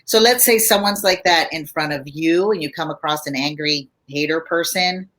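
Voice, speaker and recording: Bright-voiced woman therapist guest. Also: low-pitched, normal speed. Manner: explains calmly in a teaching tone. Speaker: marriage and family therapist guest. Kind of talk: casual advice chat.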